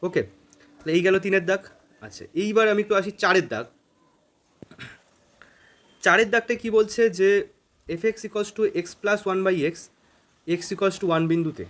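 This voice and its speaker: A man's voice: sits high, measured pace, pauses often, a bit bright. A man teaching calculus in a casual, informal way, thinking aloud as he works through problems. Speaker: math teacher. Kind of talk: informal math lesson.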